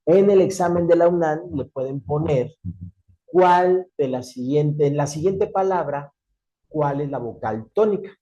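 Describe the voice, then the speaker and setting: A man teaching an exam-prep Spanish lesson, speaking slowly and deliberately, stretching key words and checking in with his students. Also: medium pitch, mellow, rough recording. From Mexico.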